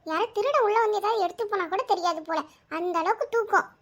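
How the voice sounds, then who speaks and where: A woman's voice: very high-pitched, fast. A woman voicing a fiery, fed-up village wife and mother in a cartoon. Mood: scolding. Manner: scolding, quarrelsome.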